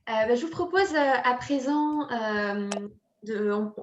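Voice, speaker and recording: A woman's voice: on the high side, slow, reverberant, highs cut off, a little hiss or hum. A woman moderating a webinar, asking questions hesitantly with fillers. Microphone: video call.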